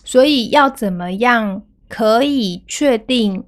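Calm mother hosting a parenting podcast. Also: on the high side, slow pace. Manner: calm, gentle retelling of a family story. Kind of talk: storytelling podcast talk.

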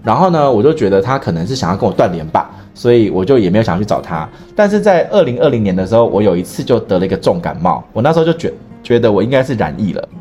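Lively, fast-talking man. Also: on the low side, soft background music. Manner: animated, rambling with many restarts. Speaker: podcast host. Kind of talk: casual storytelling chat.

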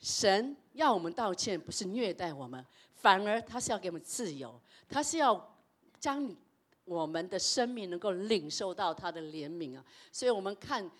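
A middle-aged woman pastor delivers a sermon. Her voice sits a little low for a woman. She moves through personal stories, rising to loud emphasis and then dropping to near-hushed tones. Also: normal speed. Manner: storytelling preacher, lively shifts between loud and hushed.

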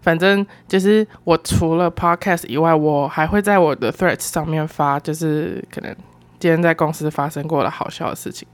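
A woman's voice: deep voice, fairly even intonation, normal speed. A woman in her twenties with a Taiwanese Mandarin accent, hosting a podcast and telling stories in a casual, exclamatory, self-mocking way. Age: 20s. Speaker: podcast host. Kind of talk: casual solo storytelling.

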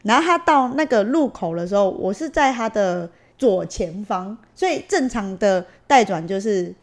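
A young woman with a Taiwanese Mandarin accent tells a story on a casual podcast. She talks in an animated way and voices the people in her story. Her pitch sits in the middle range. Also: moderate pace. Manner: animated, acts out quoted dialogue. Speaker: podcast co-host.

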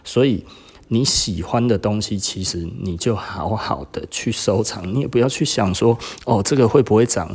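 A man's voice: fairly low pitch, moderate pace, slightly rough. A middle-aged man with a Taiwanese Mandarin accent, chatting casually as a podcast host and shop owner, laughing often. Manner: chatty, laughs often, quotes others in lively bursts.

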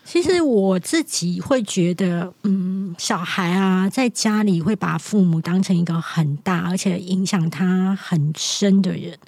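A woman podcast host, speaking slowly and reflectively. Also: fairly low pitch, a little mellow, no echo. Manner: slow, measured, reflective. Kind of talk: podcast interview.

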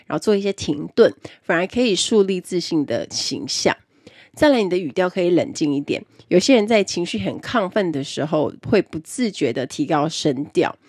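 Woman explaining how to talk well, kinda low husky voice, bounces up and down a lot, punches the list words. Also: darkish tone, no echo, studio quality. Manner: explanatory, stresses key words in lists. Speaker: self-improvement presenter. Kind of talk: instructional talk on speaking skills.

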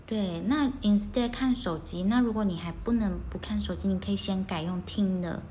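A woman's voice: medium pitch, normal speed, mellow, slight background noise. A woman, chatting casually as a co-host and laughing often. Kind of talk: casual chat.

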